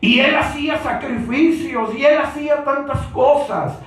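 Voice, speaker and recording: Male Pentecostal preacher, very high voice, slow fervent delivery, keeps repeating "brothers", booming church echo, off-mic. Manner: repeats "hermanos" constantly, rising to shouts. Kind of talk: Pentecostal sermon. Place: church hall. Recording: very echoey church from a distance.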